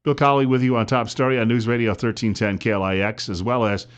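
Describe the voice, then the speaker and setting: A man hosting live talk radio with a smooth radio host delivery, running through breaks, station plugs and caller introductions. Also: mid-range voice, steady tone, fast talker.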